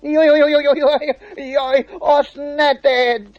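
A man voicing a gullible, whiny male devil in a folk tale, high and shrill when he pleads. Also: no echo, lo-fi sound. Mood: pleading.

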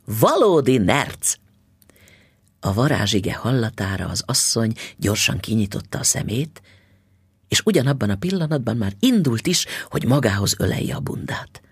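A man narrating a story in an expressive, audiobook style. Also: on the low side, vocal fry, breathy edge, dry recording, clean studio sound.

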